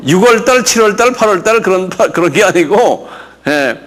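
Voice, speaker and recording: A man's voice: sits high, lively intonation, a bit bright. An older man, a pastor, teaching a Bible lesson and drilling terms, asking his class questions and having them repeat words after him. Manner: explains slowly, with many fillers and questions to the class.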